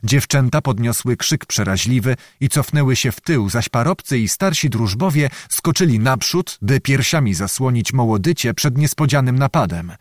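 A man narrating a historical novel as an audiobook, with expressive storytelling, in a dry, close recording. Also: mid-range voice, normal speed, hardly any pauses, no echo.

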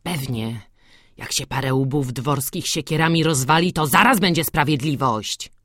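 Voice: medium pitch, normal speed, a bit bright, dry recording, clean studio sound, natural voice. A reader voicing an angry, resentful young male peasant who grumbles, in an audiobook. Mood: bitter.

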